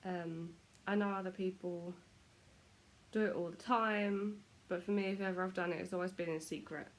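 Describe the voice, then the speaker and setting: Speaking in a lowish, even voice at an unhurried pace, this British woman vlogs from home in a relaxed, self-mocking way. A cold has blocked up her nose.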